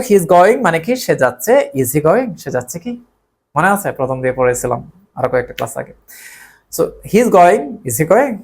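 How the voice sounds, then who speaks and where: Online tutor, animated sing-song delivery, repetitive drilling. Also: mid-range voice. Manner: drills phrases by repetition, often checks "okay?". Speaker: online English teacher. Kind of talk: recorded online lesson.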